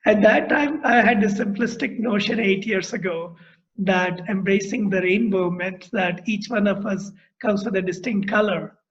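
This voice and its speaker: A middle-aged man with an Indian accent and a high voice interviews a guest over a video call from a room in his home. He is thoughtful and explanatory, speaking in long, measured phrases in a reflective conversation. His laptop mic yields dull, lo-fi call audio.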